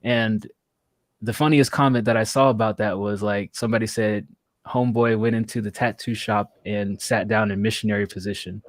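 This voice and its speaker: A man's voice: lowish voice, fairly even intonation, moderate pace, no room sound. A young man co-hosting a casual comedy podcast, rambling and laid-back with lots of fillers. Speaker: podcast co-host.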